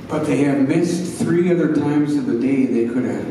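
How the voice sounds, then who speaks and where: An older man with a mellow, mid-range voice delivers rambling, folksy stand-up at a normal pace, often checking in with the crowd at an open mic. He performs on a small indoor bar stage, speaking into a handheld mic through speakers. A far-off camera captures it, so the sound is distant, noisy, and echoey.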